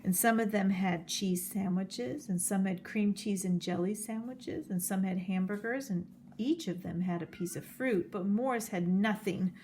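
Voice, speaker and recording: A woman reading a children's picture book aloud, telling the story slowly and clearly. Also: mid-range voice, a little mellow, slight background noise. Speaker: storybook reader.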